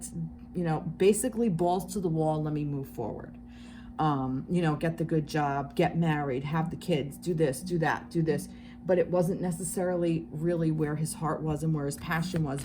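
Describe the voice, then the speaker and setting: Low-voiced woman with a Jersey accent. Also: noisy background. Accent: New Jersey. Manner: rambling, many fillers and restarts, casual swearing. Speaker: tarot reader. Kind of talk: casual tarot reading monologue.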